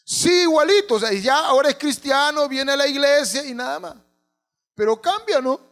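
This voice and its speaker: High-voiced, animated preacher. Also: male voice, moderate pace. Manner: preaching with rhetorical questions to the congregation. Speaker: pastor. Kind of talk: sermon.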